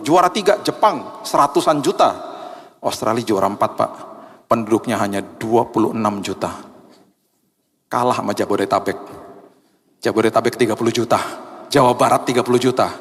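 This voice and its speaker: A middle-aged man preaching a sermon as pastor, chatty and lively in his storytelling. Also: medium pitch. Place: church sanctuary. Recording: long reverb of a large hall.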